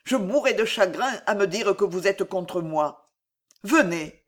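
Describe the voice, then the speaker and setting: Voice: mid-range voice, animated, unhurried, fairly bright tone. A reader voicing an earnest young knight pleading with his father, fervent and grieving. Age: young adult. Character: young male knight, earnest and tormented son. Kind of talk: audiobook reading.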